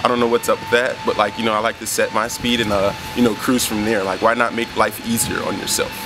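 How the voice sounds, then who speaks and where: A man's voice: fairly low pitch, little pitch movement, fast, music in the background. A young man answering a street interview outdoors, laid-back and full of "like" and "you know". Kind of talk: casual vox pop answers. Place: outdoors by a brick wall in daylight. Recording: street noise behind.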